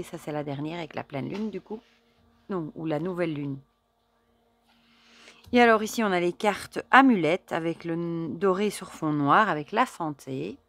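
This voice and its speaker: A woman in casual chat with her viewers, showing and admiring a deck of oracle cards, chatty and admiring, with soft murmured asides. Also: low-pitched. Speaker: card reader and oracle deck reviewer.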